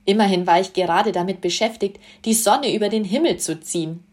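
A woman voicing a cocky, cheerful young male sun god who talks loud and full of himself in a storybook reading. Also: mid-range voice, brisk, natural voice. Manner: loud, showy, self-assured.

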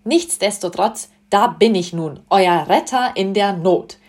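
A woman's voice: medium pitch, animated, moderate pace, natural voice. Apollo, a brash young sun god, put on by a woman. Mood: cocky. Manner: loud, showy, self-assured. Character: cocky young male sun god, boastful and cheerful.

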